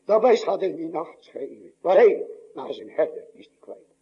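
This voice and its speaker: Older Dutch pastor preaching dramatically. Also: male voice, big pitch swings, normal speed, breathy edge, muffled recording. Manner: dramatic preaching, swinging between loud high cries and low hushed lines. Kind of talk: sermon.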